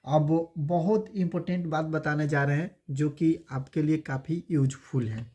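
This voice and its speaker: A man teaching a basic spoken English lesson, repeating words slowly and calling his students by fond names. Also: on the high side, steady tone, mellow. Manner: calls students affectionate names.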